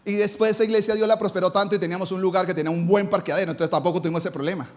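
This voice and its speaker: In a church, a man delivers a live sermon in a raised, high-pitched voice, speaking very fast with fairly even intonation. He drives his points home by posing questions aloud and answering them himself, with the emphatic delivery of a pastor addressing his congregation.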